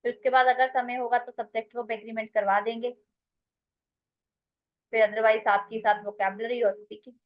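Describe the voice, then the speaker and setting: A woman's voice: on the high side, little pitch movement, moderate pace, pauses often, muffled recording. A woman with an Indian English accent teaching English grammar in an online class, mixing Hindi and English and calling her students "beta".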